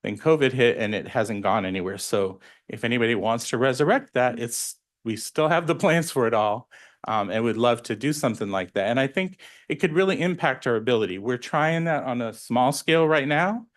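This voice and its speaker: A man's voice: medium pitch, expressive, fairly quick. A man who runs a school nutrition program, explaining at a public board meeting in a plain way with frequent ums.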